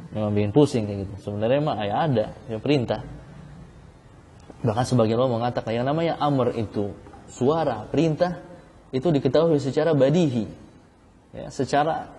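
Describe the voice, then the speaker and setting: Male ustadz lecturing, mellow voice, keeps repeating himself and asking the room questions, lots of hall echo. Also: mid-range voice. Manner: explains by repeating key phrases, asks the class questions. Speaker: Islamic studies teacher. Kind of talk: classroom lecture on legal theory.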